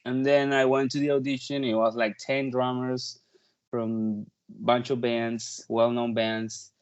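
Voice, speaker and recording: In a muffled recording, a man in his thirties from Peru talks in an unhurried, smooth, medium-pitched voice with little pitch movement. A native Spanish speaker and touring drummer, he's a talkative interview guest who chats casually, full of "like" and "you know."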